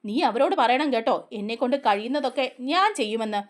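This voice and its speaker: A woman's voice: on the high side, quick pace, natural voice. A woman reading the lines of an affectionate young woman who reassures a friend, in a fond tone. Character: warm young woman, affectionate older-sister type. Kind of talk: storytelling dialogue.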